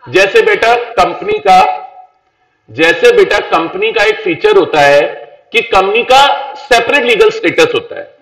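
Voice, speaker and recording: A man's voice: high voice, very animated, a little slow, a bit bright. A man teaching law in a classroom lecture, playful and chatty, calling his students "beta" and repeating phrases for emphasis. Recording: echoey room, voice picked up from a distance.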